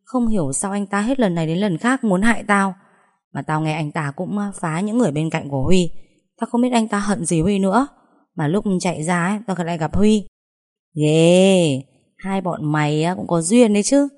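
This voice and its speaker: A woman voicing a loud, teasing young female friend in a read-aloud story. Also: lowish voice, moderate pace, close to an everyday voice. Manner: loud, chatty.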